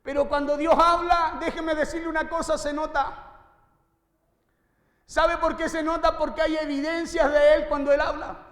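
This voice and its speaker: Male pastor, very high voice, sermon in a reverberant church hall. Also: flat delivery, normal speed, a bit bright. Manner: preaching with rhetorical questions to the congregation.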